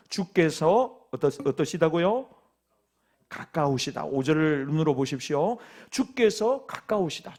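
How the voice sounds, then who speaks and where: Busan dialect pastor, middle-aged guy, high voice, folksy jokey sermon. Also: darkish tone. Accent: Gyeongsang (Busan). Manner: folksy, joking storyteller in dialect.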